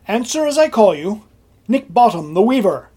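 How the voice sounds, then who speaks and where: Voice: medium pitch, big pitch swings, normal speed, dark tone, slightly rough. An actor playing an earnest, officious male director of amateur players in a Shakespearean comedy, fussing and coaxing.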